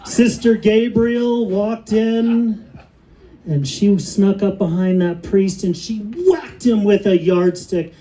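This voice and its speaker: A middle-aged man performing a stand-up comedy set on stage, telling dry stories and pausing for laughs. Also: sits high, warm tone, slight background noise, rough recording. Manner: dry storytelling with pauses for laughs. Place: comedy stage with a live audience.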